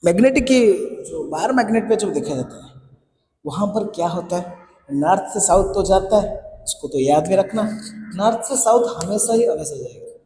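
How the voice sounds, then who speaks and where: A man with an Indian English accent teaches a science class in Hinglish, repeating key points and quizzing his students. His voice sits high, with lively intonation, a moderate pace and a warm tone. The room is echoey, with faint ambience.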